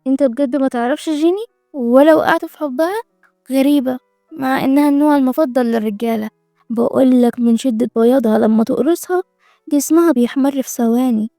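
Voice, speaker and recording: A woman's voice: high voice, fast talker, dark tone, no echo, studio quality, faint music behind. A woman with an Egyptian accent voicing a cruel, taunting young woman in a storybook-style recap. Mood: scheming. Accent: Egyptian Arabic. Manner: mocking, venomous.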